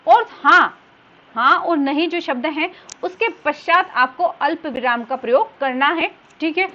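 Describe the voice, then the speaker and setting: High-voiced woman teaching grammar. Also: measured pace, bright, forceful tone, dull audio, slight background noise. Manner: explanatory, repeats and rephrases points. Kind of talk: grammar lesson.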